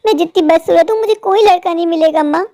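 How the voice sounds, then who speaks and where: Young cartoon daughter, woman voicing: despairing, pleading, very high. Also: fast talker, dark tone. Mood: hopeless. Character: sad young woman mocked as ugly. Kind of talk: cartoon storytelling.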